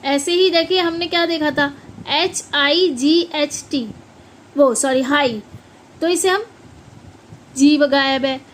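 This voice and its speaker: In a classroom-style pronunciation lesson, an English teacher with a high voice spells words letter by letter, repeats them, and keeps checking that her listeners are following. The recording is low quality, with a faint hiss or hum.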